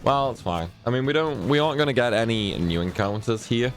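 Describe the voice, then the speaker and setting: A man's voice: mid-range voice, expressive, a little fast, soft background music. A man talking through a game walkthrough in a chatty, rambling way, often correcting himself, and fighting off a sneezing fit. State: sneezy, stuffy from a cold. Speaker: gaming guide creator. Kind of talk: casual game walkthrough commentary.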